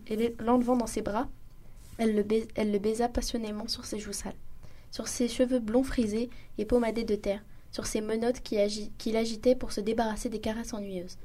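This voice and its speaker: A woman reading a classic short story aloud in a steady narrating voice, with small restarts. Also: a little high. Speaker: reader.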